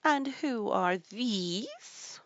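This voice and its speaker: A woman voicing a furious, imperious storybook queen with a shrill, loud voice, barking her commands. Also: expressive, drawn-out words, no echo, dull audio. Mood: severe. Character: furious, imperious Queen of a playing-card court.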